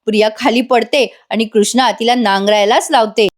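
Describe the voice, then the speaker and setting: A woman's voice: a little high, fairly even intonation, normal speed. A woman narrating a voice-over recap of a TV serial, chatting directly with viewers. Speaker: TV serial reviewer.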